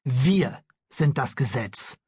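A man's voice: medium pitch, lively intonation, slow, darkish tone, husky, dry recording, clean studio sound, exaggerated voice. Man doing a pompous, officious policeman. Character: stern pompous male policeman, droopy moustache.

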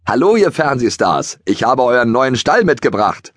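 A man's voice: mid-range voice, sing-song, moderate pace, no echo, studio quality, voice pushed up. A man voicing a cheerful, easygoing farm man who talks in a breezy, carefree way.

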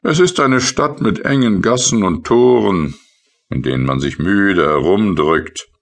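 A man's voice: low voice, expressive, a little slow, pitched above the performer's own voice, heavily acted. A man voicing a grumpy, weary male painter in a children's audiobook, sulky and complaining. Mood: grumbling.

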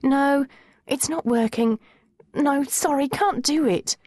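A woman's voice: medium pitch, sing-song, brisk, darkish tone, husky, no echo, studio quality. A woman narrator voicing a squeamish, dramatic teenage girl who protests and pleads in a whiny manner. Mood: pleading.

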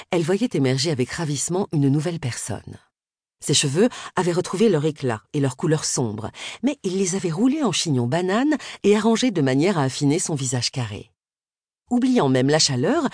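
A woman narrating an audiobook in an expressive, scripted reading. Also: sits low, husky, no echo, studio quality.

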